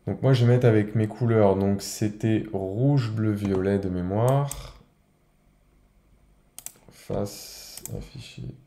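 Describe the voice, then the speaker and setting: Slow, low-voiced man giving a tutorial. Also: lively intonation, dark tone, echoey room. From France. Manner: informal, thinks aloud step by step. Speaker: video editing tutorial presenter. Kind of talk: casual screen-recorded software tutorial, improvised.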